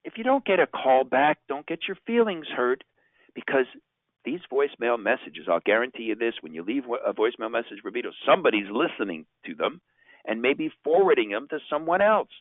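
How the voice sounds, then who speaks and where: Male sales trainer, mid-pitched, emphatic and informal, instructional delivery in dry, telephone-band sound. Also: sing-song, a little fast, no echo. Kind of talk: instructional presentation. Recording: narrow phone-like sound, very dry.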